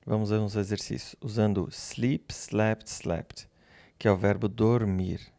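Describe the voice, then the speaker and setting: A man teaching English grammar, speaking slowly and patiently, repeating example phrases and pausing so learners can answer. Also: on the low side, fairly even intonation, creaky, warm tone, no echo. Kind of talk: slow, patient classroom explanation.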